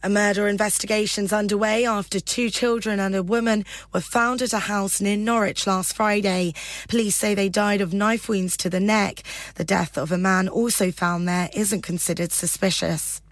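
A woman with a British accent reading a scripted radio news bulletin in a measured, formal delivery. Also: mid-range voice, steady tone, no echo. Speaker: radio newsreader.

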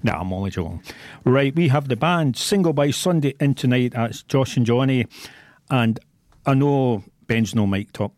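A man's voice: mid-range voice, animated, moderate pace, a little mellow, dry recording, clean studio sound. Laughing man hosting radio. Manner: laughing, teasing, banter-heavy. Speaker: radio host. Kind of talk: casual live radio chat.

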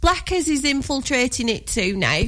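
A woman's voice: high voice, sing-song, moderate pace, bright, forceful tone. A woman with a Lancashire accent presenting casual live radio in a chatty, giggly, colloquial way.

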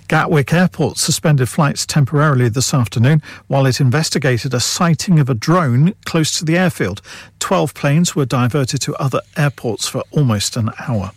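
A man's voice: mid-range voice, slightly rough, no echo. A man with a British accent reading a scripted radio news bulletin in a studio. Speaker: radio newsreader.

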